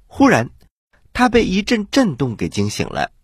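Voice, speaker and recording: A man hosting and narrating stories for children in an animated, husky voice. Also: high-pitched, moderate pace, no room sound, studio quality. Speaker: children's storyteller, host.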